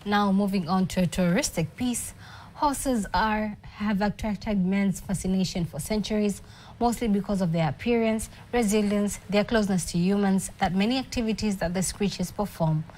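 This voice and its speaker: A woman's voice: medium pitch, moderate pace, darkish tone, rough recording. A woman reading scripted news as an anchor.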